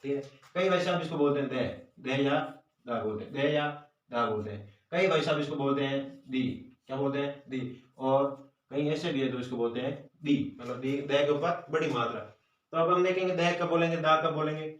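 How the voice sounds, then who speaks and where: Echoey far-off Hindi-accented teacher. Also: male voice, medium pitch, fairly quick. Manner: repeats questions and answers them himself. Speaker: grammar teacher. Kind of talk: classroom lesson. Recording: roomy echo, voice from far off.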